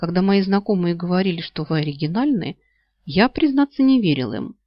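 A woman's voice: fairly low pitch, animated, no room sound. Storybook casting: a woman playing a composed, polite male money man, dry close sound. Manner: polite, measured, slightly ironic. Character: calm courteous male financial advisor. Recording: slightly dull lo-fi audio.

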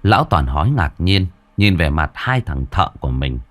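A man narrating a ghost story in a dramatic, expressive way. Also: low voice, moderate pace.

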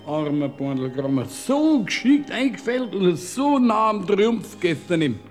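An actor playing a soft-hearted, gossipy man of heaven in a radio play, exclaiming and pleading in a Bavarian accent. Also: high-pitched, big pitch swings, a little slow, faint music behind. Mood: sympathetic. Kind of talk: German dialect radio play.

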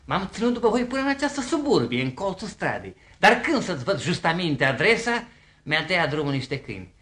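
A pompous, lovesick young suitor, all bombast and flowery words he trips over. His bright, forceful voice swoops wildly up and down. It is a table reading of a stage comedy. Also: high-pitched, very animated. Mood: lofty.

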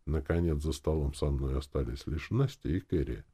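A man narrating a first-person fantasy audiobook in a lively, expressive way. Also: very deep voice, moderate pace, husky.

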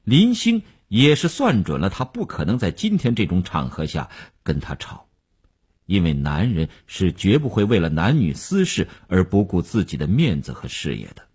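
A man reading a novel aloud for radio in an expressive storytelling manner. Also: deep voice, normal speed, slightly rough. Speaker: audiobook narrator.

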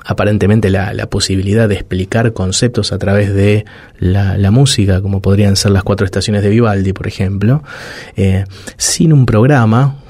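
A man speaks as a psychologist guest, slow to find his words and full of fillers and restarts. His voice sits a little low, and the sound is dry and close. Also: steady tone, darkish tone, slightly rough, dry recording. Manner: thoughtful, hesitant, with many restarts and fillers; demonstrates baby babble aloud. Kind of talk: reflective interview answers.

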